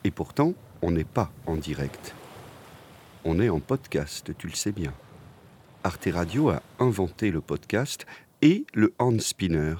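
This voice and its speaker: A man hosting a podcast with intimate, close-to-the-ear scripted narration and a playful, deadpan manner. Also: low-pitched, a little slow, slight background noise. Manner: speaking close into the listener's ear; playful, tongue-in-cheek deadpan. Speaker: podcast host.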